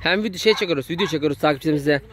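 A man's voice: a little high, racing, fairly bright tone. A man in his thirties filming a casual family vlog, chatty and affectionate with the children. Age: 30s. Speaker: vlogger, uncle.

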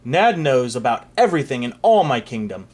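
Narrator doing a bossy fairy-tale king, husky, lively swoops, booming orders. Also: brisk. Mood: commanding. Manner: commanding, loud orders. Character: blustering impatient male king.

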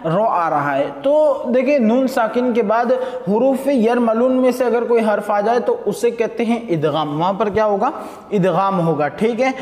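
A man teaching Quran recitation rules. He asks questions and answers them himself, and slowly draws out the recited words between explanations. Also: sits high, a little mellow. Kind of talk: tajweed lesson with recited verses. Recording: echoey room with long reverb.

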